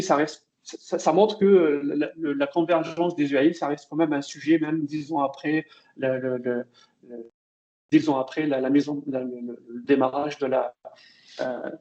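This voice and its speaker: A man's voice: fairly high pitch, warm tone. A man giving a technical webinar presentation, hesitant, with many fillers and restarts. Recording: dull lo-fi webinar audio.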